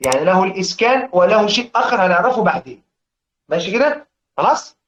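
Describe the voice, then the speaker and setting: A man with an Egyptian accent teaching a class on Quran reading, his voice sitting a little high for a man. He quizzes his listeners and answers himself, dropping into slow chant for quoted lines. The recording is roomy and echoey, with a dull, lo-fi sound. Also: sing-song, fairly bright tone. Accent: Egyptian Arabic. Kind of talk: religious lesson explaining verse.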